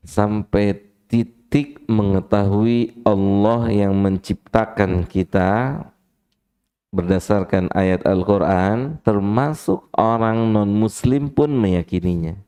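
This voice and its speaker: A man's voice: fairly low pitch, dark tone, smooth. A man giving a mosque study-circle sermon, chatty and keeps asking his listeners questions. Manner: conversational, keeps asking the men in the room. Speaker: preacher. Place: mosque hall.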